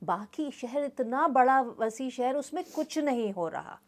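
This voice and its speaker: Woman host with Pakistani Urdu accent: attentive interviewer, light high voice. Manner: attentive, steady affirming murmurs. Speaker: podcast host. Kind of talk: interview conversation.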